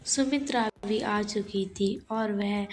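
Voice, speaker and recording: A woman narrating a village cartoon story in a slow, measured storytelling manner. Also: medium pitch, a little mellow, faint music behind.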